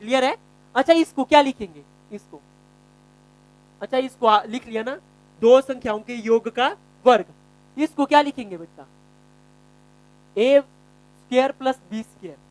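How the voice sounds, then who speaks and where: A male math teacher giving a classroom lesson, quizzing students by name and repeating key phrases slowly. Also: extremely high pitch, no room sound, rough recording.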